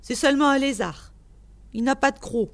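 A woman doing a shouting cranky old man. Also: sits high, moderate pace, pitched above the performer's own voice. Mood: chatty, welcoming. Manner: shouting, scolding. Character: cranky old male animal keeper, gruff.

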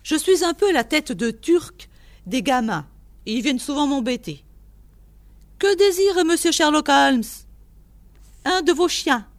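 A gruff old man who keeps a house full of animals, shouting and scolding in a high voice, put on by a woman reading a story aloud. He talks at an unhurried pace. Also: expressive. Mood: chatty, welcoming. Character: cranky old male animal keeper, gruff.

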